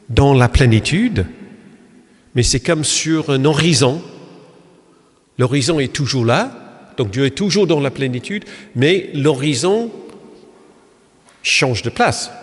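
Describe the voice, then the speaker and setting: Man, english accent, pastor, unhurried halting church talk, reverberant church hall. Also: on the high side. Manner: hesitant, many fillers and restarts. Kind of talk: lecture-style church talk.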